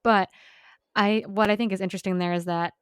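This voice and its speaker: A woman's voice: mid-range voice, steady tone, a little fast, clear, resonant tone, no echo, clean studio sound. A young woman hosting a podcast interview, chatty and upbeat, peppering her talk with "like". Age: young adult. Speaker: podcast host. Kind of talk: casual interview chat.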